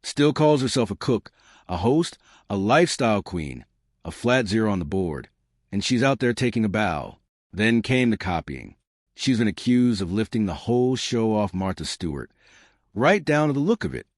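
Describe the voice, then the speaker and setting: Low, smug, sarcastic male narrator. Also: big pitch swings, normal speed, no room sound, studio quality. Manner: smug, sarcastic, punchy short sentences. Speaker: narrator and host of celebrity commentary. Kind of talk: scripted exposé narration.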